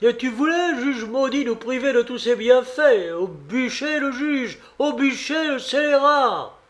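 Defiant village women cry out in a shrill, high pitch, as a male reader puts them on. The voice is raised well above the narration and sounds set back. Storybook telling. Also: expressive, a little slow, fairly bright tone, heavily acted. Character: angry village women shouting together.

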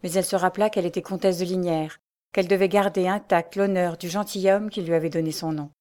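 Woman reading a novel aloud, mellow warm tone, steady storyteller pace. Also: fairly low pitch, fast. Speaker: audiobook narrator. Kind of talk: scripted novel narration.

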